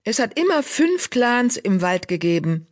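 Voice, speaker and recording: A woman's voice: fairly high pitch, very animated, unhurried, voice pushed up. Woman doing a young she-cat healer, raised voice, earnest, urgent, storybook reading.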